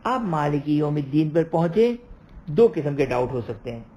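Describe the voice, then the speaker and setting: A man's voice: fairly high pitch, big pitch swings, dark tone, highs cut off. A man giving an online religious law lecture over a video call, explaining step by step, repeating points and checking with "right?".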